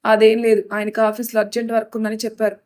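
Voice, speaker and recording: A woman's voice: fairly high pitch, monotone, very fast, natural voice. A woman voicing a polite, put-upon young wife in an audio story. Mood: plain. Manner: soft, polite, pleading.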